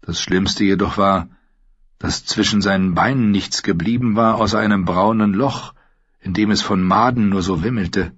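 Male audiobook narrator, low voice, husky, steady measured reading, dull lo-fi sound. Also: dry recording. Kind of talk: scripted narration.

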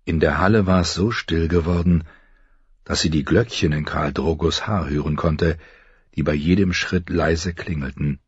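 A man reading a novel aloud in a measured, grave manner. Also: very deep voice, slightly rough, no echo, highs cut off. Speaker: audiobook narrator. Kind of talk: scripted narration.

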